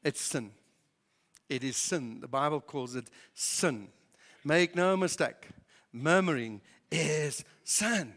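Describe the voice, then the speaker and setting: A man preaching a sermon as pastor, in a lively conversational way with many fillers. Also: mid-range voice, slow pace. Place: barn church hall. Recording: reverberant church hall.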